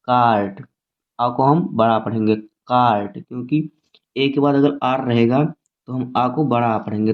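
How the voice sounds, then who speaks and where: A man with a medium-pitched voice teaches English phonics in a slow, repetitive classroom manner, spelling words out one letter at a time. The audio sounds tinny, like it came through a phone.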